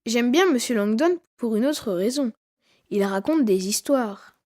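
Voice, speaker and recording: A woman's voice: fairly high pitch, animated, a little slow, a little mellow, faint music behind. A woman reading a children's story aloud for language learners, telling it expressively in the voice of a twelve-year-old boy. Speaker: reader.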